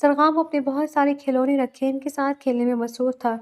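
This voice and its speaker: A woman narrating a romantic novel aloud with steady, emotive storytelling. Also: high-pitched.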